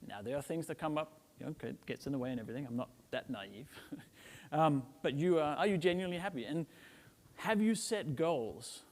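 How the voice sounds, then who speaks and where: A man's voice: fairly high pitch, lively intonation, fairly quick, a little mellow. A middle-aged man from Denmark giving a casual, joking conference talk to a live audience, often tagging "right?" onto his points. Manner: chatty and joking, with frequent "right?" tags and "um" fillers. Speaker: conference speaker. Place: large conference hall. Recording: reverberant conference hall.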